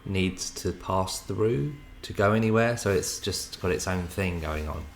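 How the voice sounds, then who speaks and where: A man's voice: low voice, measured pace, creaky, a little hiss or hum. A man, talking casually as a guest in an interview. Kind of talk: casual chat.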